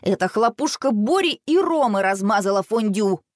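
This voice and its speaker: A woman's voice: medium pitch, expressive, normal speed, no room sound, natural voice. Woman reading as a know-it-all big brother, storybook boy, self-important, precise, dry close sound. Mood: stern.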